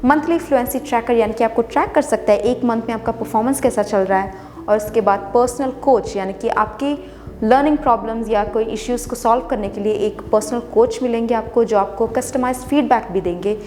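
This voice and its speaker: A woman's voice: fairly high pitch, a little fast, dark tone, slight background noise. A woman explaining English words in Hindi, spelling them out letter by letter and repeating each one patiently. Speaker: English teacher. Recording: long reverb with music behind.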